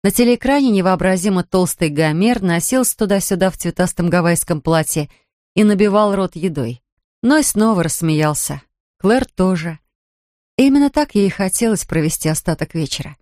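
An audiobook narrator reading a suspense novel in a measured, even way. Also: medium pitch, no room sound, studio quality. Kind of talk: scripted narration of a thriller.

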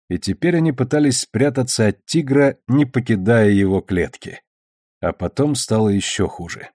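A man narrating a novel as an audiobook reader, in an even, measured way. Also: mid-range voice, dry recording, studio quality.

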